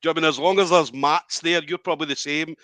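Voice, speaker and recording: A chatty male interviewer with a bright, forceful tone and a slightly high voice. He keeps things upbeat and leads his guest along. The sound is dry and close. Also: fairly even intonation, rapid-fire, no room sound. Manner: chatty, upbeat, leading questions. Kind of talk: casual interview chat.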